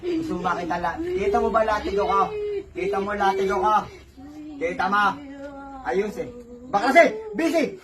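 A man's voice: sits high, big pitch swings, normal speed, pauses often, distant mic, crowd noise. A man acting as faith healer in an exorcism session, commanding and hammering the same questions over and over. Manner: commanding, repeats questions insistently. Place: home healing session.

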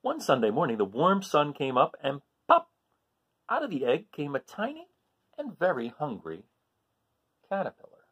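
Middle-aged male storybook reader, husky voice, highly varied intonation, deliberate phrasing for young listeners. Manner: deliberate short phrasing, expressive emphasis on key words. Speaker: host reading picture books aloud. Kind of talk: children's storybook read-aloud. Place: small room at home, indoors.

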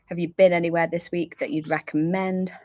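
Low-pitched woman, chatty livestream co-host in a camper van, rambling and apologetic. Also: little pitch movement, brisk, a little mellow, dry recording. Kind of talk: casual livestream chat.

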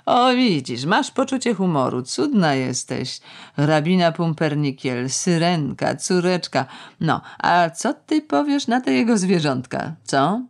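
An audiobook reader voicing a bitter, tipsy middle-aged woman who rambles in a sardonic, ironic way, drawing out words slowly. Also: fairly low pitch, sing-song, gravelly, exaggerated voice. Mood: mocking. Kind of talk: audiobook character reading.

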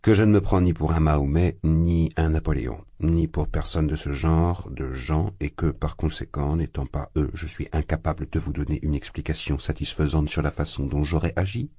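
A man's voice: a bass voice, moderate pace, few pauses, dark tone, slightly rough, no echo, studio quality. A man voicing a proud, tense young student who answers curtly and coldly. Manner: curt, cold, guarded.

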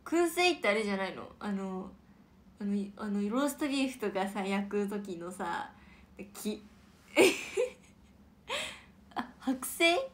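A young woman hosting a casual livestream and reading out viewer comments, with a chatty, playful manner and soft whispered asides. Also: medium pitch, sing-song, takes it slowly, long pauses. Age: young adult.

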